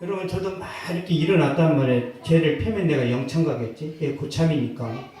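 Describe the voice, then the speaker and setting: Male pastor, fairly high voice, emphatic storytelling sermon, echoey church sound from a distant mic. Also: fairly quick. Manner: storytelling with acted quotes, swings to loud emphatic outbursts. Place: church sanctuary.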